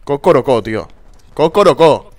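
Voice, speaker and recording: A young man commentating his online shooter match, foul-mouthed and exasperated, bursting into shouts. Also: medium pitch, very animated, normal speed, no echo. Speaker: gameplay commentator. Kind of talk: casual gameplay commentary.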